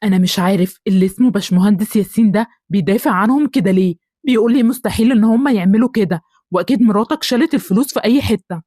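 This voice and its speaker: A woman with an Egyptian accent voicing an angry middle-aged man who is a bullying neighbor in an animated story, scornful and threatening. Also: medium pitch, no room sound, studio quality, close to an everyday voice. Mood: furious. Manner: shouting threats, fast and scornful.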